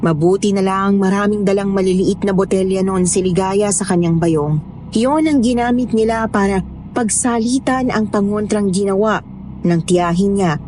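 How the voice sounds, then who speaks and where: A woman narrating a scripted horror story in a measured, storytelling manner. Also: mid-range voice, a little mellow, a little hiss or hum.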